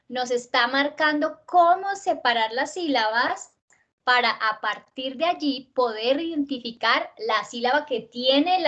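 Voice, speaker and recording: Patient, slow-spoken woman teacher. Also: sits high, fairly bright tone. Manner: slow, patient, stretches out each word. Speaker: writing course teacher. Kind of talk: online class drill on word stress. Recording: dull lo-fi class recording.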